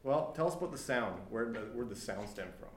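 A man's voice: mid-range voice, lively intonation, fast talker, a little hiss or hum. A man hosting a casual interview, friendly and encouraging, telling a story between questions. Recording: echoey room.

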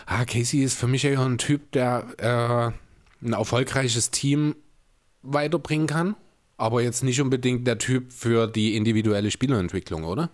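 A man with an average-pitched voice co-hosts a casual chat podcast. He weighs each point carefully and analytically, often with a chuckle. He is recorded indoors in a room with closed windows. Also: normal speed. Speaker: podcast co-host.

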